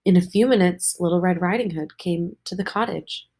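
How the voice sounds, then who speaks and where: A woman teacher reading a storybook aloud to her students, slow and expressive. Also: fairly low pitch.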